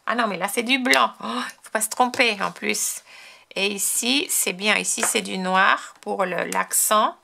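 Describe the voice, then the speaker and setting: French woman, crafting host, very gravelly and bright-toned, chatty and enthusiastic. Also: mid-range voice, a little slow, a little hiss or hum. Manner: chatty, enthusiastic, frequent restarts and fillers. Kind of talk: casual show-and-tell tutorial.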